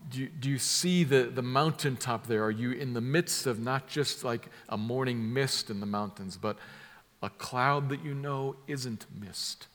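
A man preaching a sermon, drawing listeners into vivid scenes, moving from hushed asides to loud emphatic lines. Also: mid-range voice, long reverb tail. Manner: emphatic, builds from soft to loud with vivid imagery.

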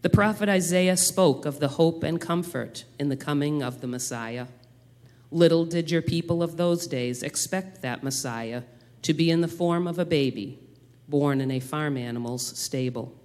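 A man's voice: a little high, a little mellow. A man speaking as a church elder, addressing the congregation with announcements and public prayer. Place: church sanctuary. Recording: long hall reverb.

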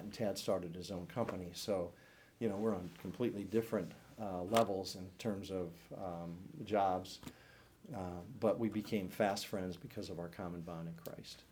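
A man's voice: low-pitched, fairly even intonation, normal speed, darkish tone, a little hiss or hum. A man in his sixties from the St. Louis area, telling his personal faith testimony to a church class in an earnest, reflective way. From St. Louis area, United States. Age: 60s.

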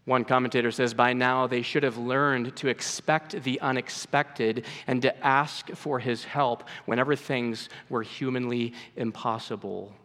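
A man's voice: medium pitch, steady tone, unhurried, hardly any pauses, fairly bright tone. A man preaching a sermon earnestly, acting out voices from the scripture he retells. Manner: earnest, acts out quoted voices. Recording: long hall reverb.

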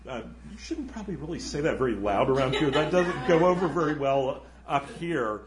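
A man doing a calm, gentle soul in heaven. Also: fairly high pitch, a little fast, a loud crowd, natural voice. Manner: patient, mild, reassuring. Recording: roomy echo.

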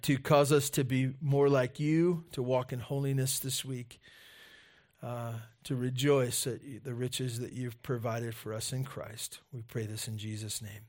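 A male pastor delivers a sermon into a pulpit microphone in a church sanctuary. He takes his time, speaking in an earnest, unhurried way at a middling pitch. He moves between his own reflections, scripture reading and prayer. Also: level tone, a little mellow.

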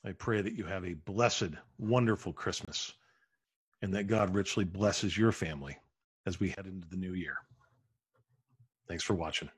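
Earnest man preaching with hushed endings. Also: deep voice, slightly rough. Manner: earnest preaching with slow, drawn-out emphasis and soft hushed endings. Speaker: pastor. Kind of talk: sermon.

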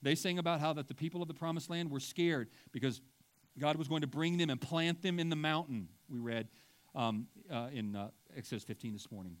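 In a steady, slightly fast, higher-pitched voice, a middle-aged pastor delivers a sermon from the church sanctuary. He keeps it conversational and self-deprecating, checking in with "right?" and tripping over restarts whenever he digresses.

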